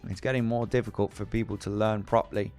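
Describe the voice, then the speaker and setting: Guy hosting a trading stream, rambles and restarts a lot, smooth resonant voice. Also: fairly low pitch, steady tone, fast, a little mellow, soft background music. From Spain. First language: Spanish. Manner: rambling, frequent restarts, reads viewer comments aloud. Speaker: trading livestream host. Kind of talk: casual livestream chat.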